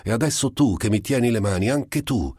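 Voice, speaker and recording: A man voicing a furious, defiant young mother who works as a maid, shouting threats. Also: mid-range voice, lively intonation, brisk, husky, no room sound, clean studio sound, voice pushed up.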